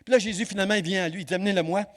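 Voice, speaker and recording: Male pastor, impassioned sermon, somewhat high voice, big dynamic swings. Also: racing. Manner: impassioned, swinging between loud exhortation and hushed emphasis. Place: church.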